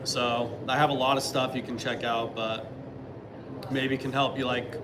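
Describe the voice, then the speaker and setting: Streamer, man, thirties. Mid-pitched, rambling, hedges a lot, steady noise under the voice. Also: measured pace. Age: 30s. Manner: rambling, hesitant, many fillers and restarts. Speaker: live streamer. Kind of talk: casual live-stream chat reading viewer comments.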